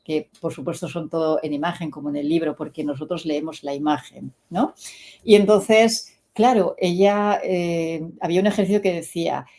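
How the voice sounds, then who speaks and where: A middle-aged woman, explaining her English teaching method as an interview guest and acting out little stories. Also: sits low. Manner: animated storyteller, acts out quoted dialogue.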